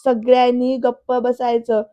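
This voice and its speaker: A calm father from a TV serial speaks slowly and firmly to his children, as a woman narrator reads his lines. The voice stays high with little variation. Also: dry recording, highs cut off, lightly acted. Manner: slow, measured and firm. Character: calm, firm father of three.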